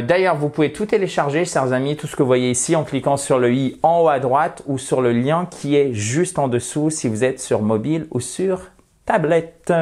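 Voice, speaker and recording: A man teaching English pronunciation in an online lesson, chatting relaxedly with viewers and slowly repeating model words for them to drill. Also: mid-range voice, a little mellow.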